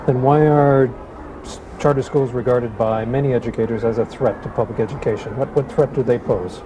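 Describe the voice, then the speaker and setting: A man's voice: mid-range voice, fairly even intonation, fairly quick, noisy background. A man narrating an education documentary and putting pointed questions to interviewees.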